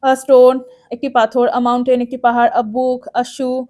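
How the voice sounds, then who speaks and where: A woman with a high, light voice talks a class of children through a grammar rule. She goes over each point patiently and again, checking often that the students follow. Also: monotone, takes it slowly, warm tone. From West Bengal, India. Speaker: teacher. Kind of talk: explaining an English grammar lesson.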